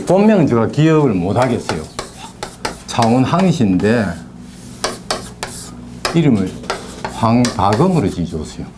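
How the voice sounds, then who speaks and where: A middle-aged man with a mid-range voice and a Gyeongsang Korean accent tells stories, with rambling asides, from his work as a naming consultant in casual talk. Background noise is audible.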